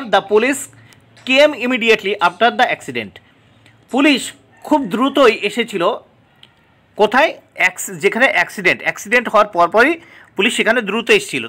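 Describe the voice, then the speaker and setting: A man with a Bengali accent teaching a lesson, explaining words one at a time with frequent hesitant pauses. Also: high voice, bright, forceful tone. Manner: explains word by word, with many "uh" pauses.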